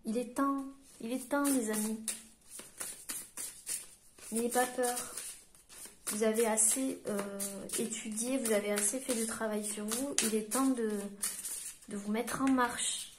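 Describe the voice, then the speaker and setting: A woman with a French accent, working as a medium and giving a spoken card-reading guidance to her viewers, pausing and restarting as she looks for words. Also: a little high, steady tone, background noise. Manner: halting, searching for words while reading cards. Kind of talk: tarot-style guidance reading to camera.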